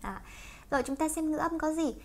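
A woman's voice: high-pitched, a little fast, a little mellow. A woman teaching English through a song, explaining lines and pronunciation and then singing them for learners to repeat. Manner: switches between explaining and singing along. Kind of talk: song-based English lesson.

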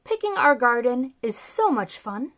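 Reading a picture book aloud for children's story time, a woman in her thirties sounds bubbly and sing-song from a small decorated room indoors. Her voice is a little high and fairly bright, with big pitch swings and a measured pace.

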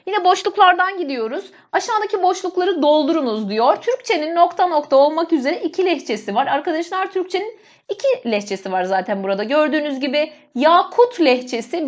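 A woman's voice: high-pitched, muffled recording. A woman teacher going step by step through an exam, explaining each answer to her students. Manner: explains step by step, often addresses students as "friends". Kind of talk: exam walkthrough lesson.

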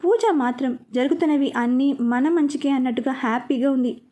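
High, mellow woman storyteller. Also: steady tone, fairly quick. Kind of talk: scripted story narration.

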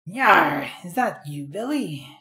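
Woman doing a blustery pirate guard, swooping pitch. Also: big pitch swings, slow pace, gravelly, bright, forceful tone, exaggerated voice. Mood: indignant. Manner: blustery, commanding pirate talk. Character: gruff, blustering pirate guarding the captain's cabin. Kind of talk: reading video game dialogue in character.

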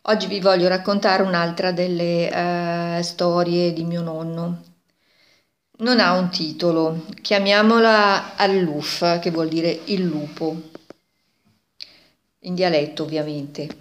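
A woman's voice: lowish voice, steady tone, takes it slowly. A woman in her sixties with a Milanese accent, telling a story informally in dialect and acting out bits of dialogue. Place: small kitchen indoors. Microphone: phone at arm's length. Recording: echoey domestic room.

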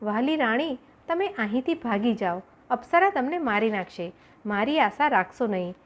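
A woman's voice: on the high side, lively intonation, normal speed, close to an everyday voice. A woman voicing a weak, starving captive king in a children's folk tale, speaking in a pleading, weary way. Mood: tender.

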